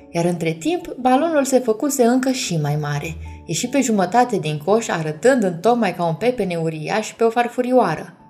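A woman reading a bedtime story aloud, gently addressing the children listening. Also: mid-range voice.

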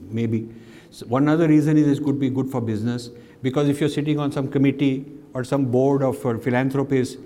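A man's voice: mid-range voice, dark tone. Indian man speaking in a reverberant hall. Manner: emphatic, repeats phrases, slips between English and Hindi. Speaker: speaker at a public talk. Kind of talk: public talk, answering questions.

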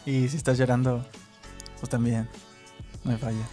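A man's voice: medium pitch, normal speed, faint music behind. Mexican man hosting a casual chat. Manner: chatty, animated when retelling. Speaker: podcast host.

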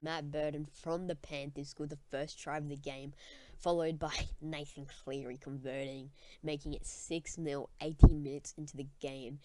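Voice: mid-range voice, little pitch movement, normal speed, darkish tone, slight background noise. A young student with an Australian accent hosting a casual sports chat podcast in matey, slangy talk. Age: teenager or young student. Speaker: podcast host.

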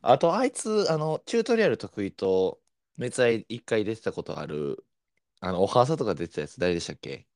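A young man with a Kansai accent, co-hosting a podcast in a relaxed, polite, agreeable way. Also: on the low side, normal speed. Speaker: podcast co-host. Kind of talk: casual chat.

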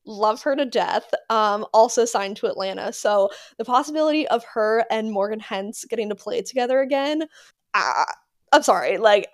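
A young woman hosting a casual solo podcast, excitable and gushing, with lots of fillers and repeated words. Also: a little high, dry recording, studio quality. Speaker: podcast host.

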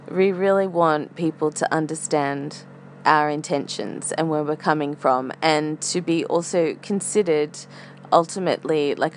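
A woman podcast host thinking aloud in a casual, reflective monologue, with some hesitancy as she feels for words. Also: low voice. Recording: faint air conditioner hum. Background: humming air conditioner.

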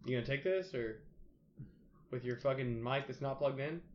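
A man's voice: medium pitch, normal speed, a little hiss or hum. Exasperated male podcaster, dull lo-fi sound. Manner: exasperated, argumentative, swears freely. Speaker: podcast co-host. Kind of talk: casual sports chat.

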